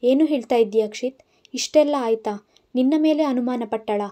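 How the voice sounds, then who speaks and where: A woman's voice: fairly high pitch, steady tone, moderate pace, warm tone, lightly acted. A woman voicing a scheming, spiteful young woman in an audio story, talking in a gushing then catty way. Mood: excited.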